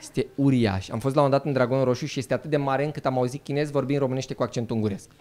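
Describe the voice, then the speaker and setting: A man performing a stand-up comedy set, animated and mock-outraged, jumping into quick character voices. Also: medium pitch, noisy background. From Romania. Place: live comedy venue.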